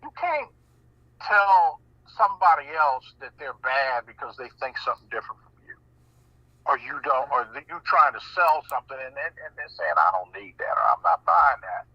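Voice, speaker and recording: Animated gravelly-voiced American man on radio. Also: medium pitch, moderate pace, no room sound. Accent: American English. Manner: animated, repeats words as he restarts. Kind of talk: casual radio talk. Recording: muffled radio broadcast.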